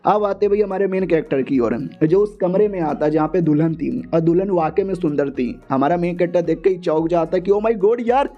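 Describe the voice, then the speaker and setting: A man's voice: on the high side, brisk, hardly any pauses, dull audio. A young man narrating a comic recap in a chatty, slangy way, mixing in English words. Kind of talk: casual story recap narration.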